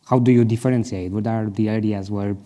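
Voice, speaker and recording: A man's voice: lowish voice, fairly even intonation, brisk, dark tone, big-room sound. A man moderating an industry panel, asking questions and giving short affirmations.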